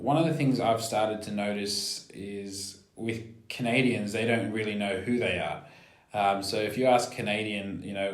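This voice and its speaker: Low-voiced man with hesitant questions, echoey. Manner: hesitant, questioning, many ums. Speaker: pastor. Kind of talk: conversational discussion.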